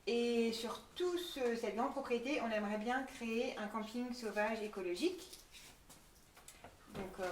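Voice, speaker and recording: A woman giving an informal spoken presentation of a project and answering questions. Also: medium pitch. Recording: echoey room, distant mic, faint noise.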